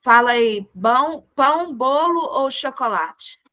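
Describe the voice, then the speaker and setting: A woman with a fairly high voice leads a music lesson over a video call. She is encouraging and often chants words slowly, beat by beat. Her sound is close and dry, with no room echo. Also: expressive, sharp tone. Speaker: music teacher. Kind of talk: teaching a group music lesson.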